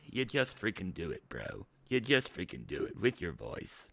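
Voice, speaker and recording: A man doing a gravelly robot computer voice. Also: sits low, moderate pace, no echo, voice pushed down, full character voice. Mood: robotic. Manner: monotone robotic delivery, spoken on an in-breath. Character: male robotic text-to-speech computer voice.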